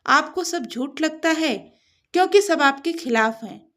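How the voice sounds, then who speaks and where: A woman plays a scheming young woman in a storybook tale, her voice pitched a little high and sugary. She speaks slowly and with feigned innocence. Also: animated. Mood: sly.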